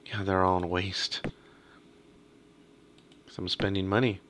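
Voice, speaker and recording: Male game commentator with a low-ish voice, talks to himself while playing, a little hoarse from a cough. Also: level tone, a little slow, fairly bright tone. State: slightly hoarse, has a cough. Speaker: gaming video host. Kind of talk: casual let's-play commentary.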